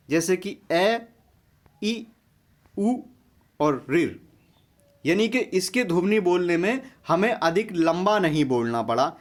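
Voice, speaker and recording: High-voiced man teaching a grammar lesson. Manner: explains step by step, often addresses viewers as friends. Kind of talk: exam-prep grammar lesson.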